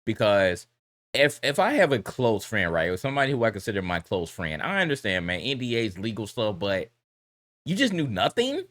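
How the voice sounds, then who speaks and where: Male reaction host, casual and heated, blunt slang, lowish voice. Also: very animated, moderate pace, fairly bright tone.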